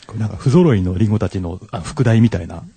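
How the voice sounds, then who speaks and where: Male co-host who talks quickly in a low, dark, husky voice and makes chatty asides. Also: animated. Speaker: podcast co-host. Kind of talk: casual chat.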